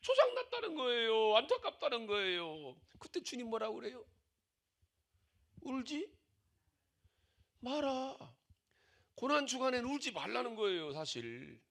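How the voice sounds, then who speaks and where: Older male pastor with a gravelly, lively voice. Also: very high-pitched. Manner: emphatic, repeats rhetorical questions. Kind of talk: sermon.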